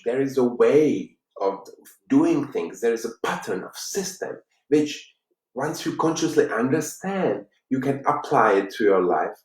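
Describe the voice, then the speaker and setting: Man, Czech accent, motivational coach, earnest and halting, live stream, echoey room, mic set back. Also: mid-range voice, darkish tone. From Czech Republic. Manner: earnest, halting, with frequent restarts. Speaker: life coach. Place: room in Los Angeles. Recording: roomy, distant mic.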